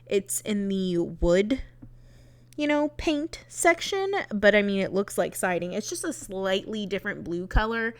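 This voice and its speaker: A woman's voice: medium pitch, animated, unhurried. Chatty woman with a stuffy nose. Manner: rambling, chatty, laughs often. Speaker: Sims builder vlogger. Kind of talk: casual voice-over chat.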